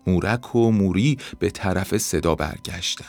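A man calmly narrating a children's story in a measured reading voice. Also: deep voice, creaky, soft background music.

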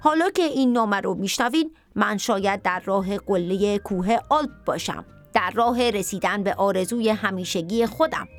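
A woman's voice: mid-range voice, expressive, hardly any pauses, soft background music, natural voice. A woman voicing the soil in a children's story, reading a heartfelt farewell letter. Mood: tender.

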